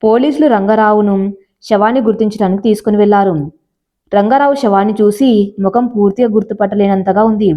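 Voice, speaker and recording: A woman narrating a scripted story in a plain, steady storytelling manner. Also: medium pitch, brisk. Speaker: audiobook narrator. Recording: slightly dull lo-fi audio.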